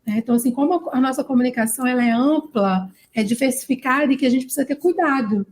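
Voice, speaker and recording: A woman's voice: high-pitched, quick pace, darkish tone. A woman with a Brazilian accent, a speech therapist guest, explaining emphatically and addressing listeners directly. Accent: Brazilian Portuguese. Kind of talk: explanatory interview talk.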